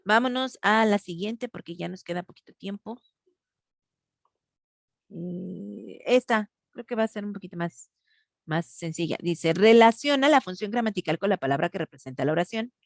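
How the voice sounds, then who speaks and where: A woman's voice: medium pitch, expressive, moderate pace, vocal fry, no room sound, studio quality. A woman teacher, patiently walking students through a grammar lesson over a video call. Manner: patient, explains step by step, asks students for answers. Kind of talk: online grammar class.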